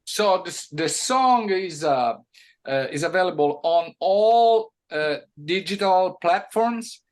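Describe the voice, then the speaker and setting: A man from Italy with an Italian accent, a music producer talking in a casual interview, halting with many restarts and sudden animated bursts. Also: high voice.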